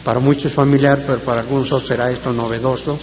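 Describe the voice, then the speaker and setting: A man preaching a Bible-study sermon, reading scripture aloud in a measured way and letting his phrase endings fall away softly. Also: medium pitch, level tone. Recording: long reverb with faint hiss.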